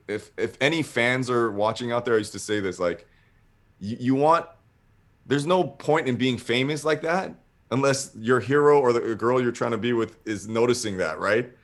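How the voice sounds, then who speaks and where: At normal speed and in a mid-range voice, a man loosely recounts a long story. The telling is profane and animated, with the dialogue of others acted out.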